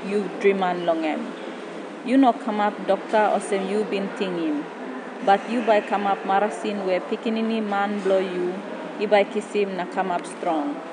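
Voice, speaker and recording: Casting: woman, Papua New Guinean accent, mid-pitched, pidgin spoken-word poetry, noticeable background noise.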